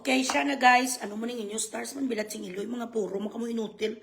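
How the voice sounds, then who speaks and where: A woman's voice: a little high, fairly even intonation, quick pace, vocal fry, a little hiss or hum. A woman ranting in a vlog, mocking and sarcastic, swearing freely. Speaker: vlogger.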